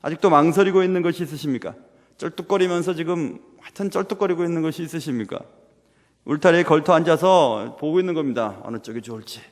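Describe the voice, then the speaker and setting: Young male pastor, high lively voice, earnest sermon delivery in a reverberant church. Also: fast talker. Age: young adult. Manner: earnest, rhetorical questions, drops to a hush at times. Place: church sanctuary. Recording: long reverb of a church hall.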